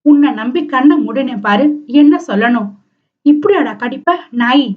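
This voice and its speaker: Woman doing a stubborn young wife in a romance audiobook, high voice, teasing, a bit muffled. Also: expressive, normal speed, recorded from a distance. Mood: scolding. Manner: teasing, sharp retorts.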